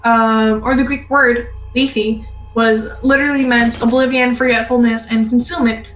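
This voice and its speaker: A woman's voice: a little high, level tone, normal speed. A woman in a casual voice chat, earnestly rambling through an explanation while friends play. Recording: echoey, distant voice-chat mic with faint noise.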